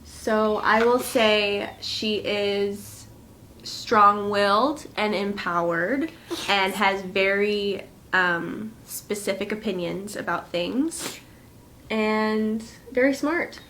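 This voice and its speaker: A woman's voice: medium pitch, extremely slow, fairly bright tone, slight background noise, low-quality recording. A young woman in a casual interview, speaking thoughtfully and hesitantly, often stopping to restart her sentences.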